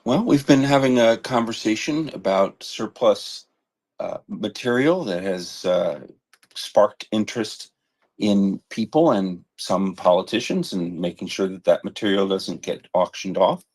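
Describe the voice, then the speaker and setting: A man's voice: on the low side, unhurried, a little mellow. A man co-hosting a live audio discussion in a casual chatty style. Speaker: co-host.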